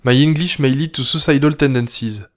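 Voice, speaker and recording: Deadpan man with a French accent. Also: medium pitch, a little fast. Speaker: narrator. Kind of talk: scripted satirical narration.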